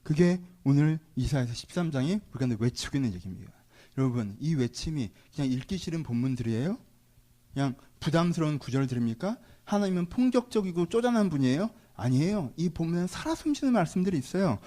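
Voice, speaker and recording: A male pastor preaching a sermon, firing rhetorical questions at his congregation and swinging between loud exhortation and quiet asides. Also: a little high, lively intonation, fast.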